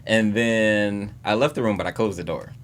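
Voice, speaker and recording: A man's voice: fairly low pitch, steady tone, normal speed, a little hiss or hum. A man co-hosting a podcast, telling a childhood story in casual chat and laughing often. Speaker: podcast co-host.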